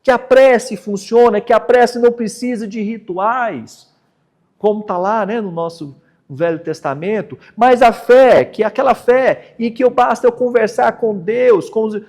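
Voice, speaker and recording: A man with a Brazilian Portuguese accent giving a conversational Spiritist lecture. He keeps checking in with the audience and moves from animated emphasis to a soft, low close. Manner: conversational preaching, tag questions. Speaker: speaker at a Spiritist center.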